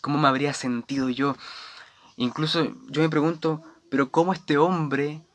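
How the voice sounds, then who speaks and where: A man's voice: fairly high pitch, steady tone, moderate pace, a bit bright, dry recording. A man giving a sermon-style Bible reflection, retelling the story and acting out its lines. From Chile. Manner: storytelling, acts out the disciples' and Jesus' lines.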